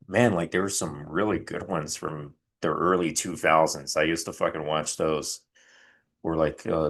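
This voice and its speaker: A middle-aged man hosting a channel, rambling through casual commentary with lots of swearing and restarts. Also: sits low. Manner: rambling, profane, frequent restarts. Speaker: channel host.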